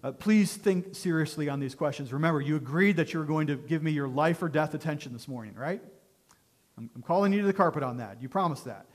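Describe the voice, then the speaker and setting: A man's voice: on the high side, fast talker. A man preaching a sermon as pastor, emphatic and direct, putting rhetorical questions to his congregation and checking in with "okay?".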